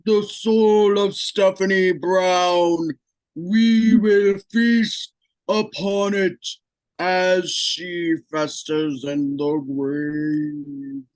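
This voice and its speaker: A man voicing a possessed, demonic spirit that gloats with slow menace in a horror drama. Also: high-pitched, little pitch movement, rough recording. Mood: gloating menace. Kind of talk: dramatic horror script reading.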